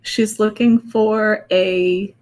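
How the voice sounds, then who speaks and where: A woman's voice: medium pitch, steady tone, very slow, a little mellow. A woman chatting casually as a player in a tabletop game.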